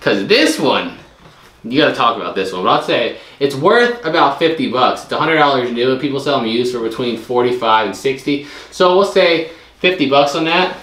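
A man co-hosting a show about reselling storage unit finds chats about the items and estimates their resale value, with some restarts along the way. His mid-range voice is fairly bright, with lively intonation at normal speed. Echo and faint noise fill the room.

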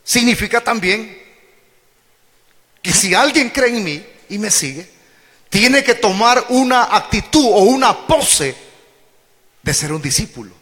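Emphatic high-voiced man preaching in a church. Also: expressive. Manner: emphatic preaching, swings from shouts to low drawn-out words. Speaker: pastor. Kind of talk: sermon. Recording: long hall reverb.

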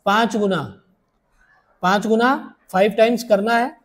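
A man teaching a maths lesson, repeating each step slowly and calling his students dear children. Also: high-pitched, steady tone.

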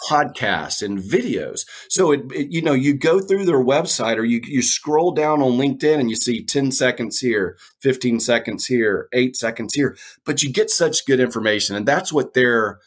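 Halting middle-aged man hosting a podcast. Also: medium pitch. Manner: rambling, halting, many restarts. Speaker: podcast host. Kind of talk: casual interview intro.

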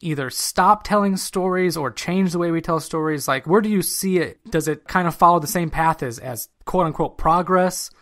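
A man's voice: on the high side, normal speed, few pauses, a bit bright, no echo, studio quality. A man from Ohio hosting a podcast interview, easygoing and a bit hesitant as he asks questions. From Ohio, United States. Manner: casual, easygoing, hesitant phrasing. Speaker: podcast host.

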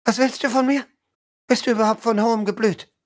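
A woman's voice: on the high side, fairly even intonation, fairly quick, voice pushed up, close to an everyday voice. A woman voicing a haughty, cruel young noblewoman in a tabletop role-play, speaking in a commanding, scolding way.

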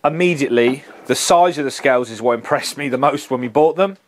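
A man's voice: mid-range voice, fairly quick. A man, reviewing trade tools in a practical, plain-spoken way, on a lapel mic in an office. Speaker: HVAC engineer reviewing tools. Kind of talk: product review presentation.

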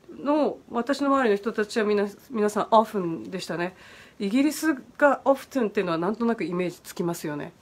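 Chatty woman host, bright high voice. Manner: friendly and chatty, many fillers, answers questions on English pronunciation. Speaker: host of an online virtual bar stream. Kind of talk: casual livestream chat, reading viewer comments aloud.

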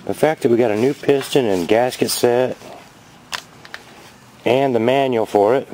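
A man in his fifties giving a rambling, chatty show-and-tell vlog outdoors by his garage, filming on a handheld camera and getting excited over his finds. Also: medium pitch, unhurried, a little hiss or hum, poor audio. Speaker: vlogger.

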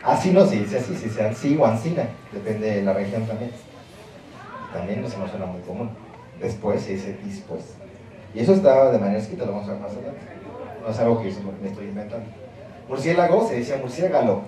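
A man's voice: fairly low pitch, fast, mellow. A man giving a university lecture, explaining emphatically and checking in with the audience as he goes. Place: lecture hall. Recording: very echoey hall, mic far off, audience noise.

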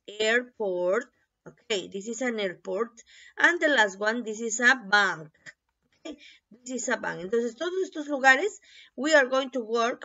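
A woman teaching a bilingual English lesson, repeating each word slowly and often checking with a quick "ok?". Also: fairly high pitch, a bit bright. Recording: dull lo-fi recording.

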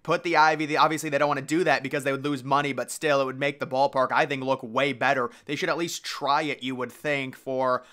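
A man's voice: mid-range voice, little pitch movement, quick pace, few pauses, pushed and bright. A young man giving casual, opinionated voice-over commentary on ballpark designs, thinking aloud as he goes. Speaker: baseball stadium commentator.

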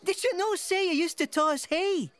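A man voicing a hearty, encouraging young highlander in a cartoon, with a Scottish accent and the jovial manner of a laird. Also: normal speed, a bit bright. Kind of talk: animated series voice acting. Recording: music behind the voice.

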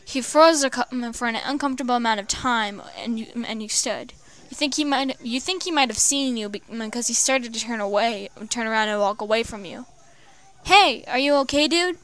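A woman reading fan fiction aloud, halting with many stumbles and restarts. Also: fairly high pitch, fairly bright tone. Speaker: storyteller.

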